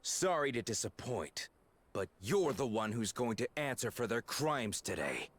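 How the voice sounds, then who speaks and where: A man's voice: mid-range voice, very animated, measured pace, fairly bright tone. A man voicing an earnest, determined young Western outlaw in the manner of an anime protagonist, for a game.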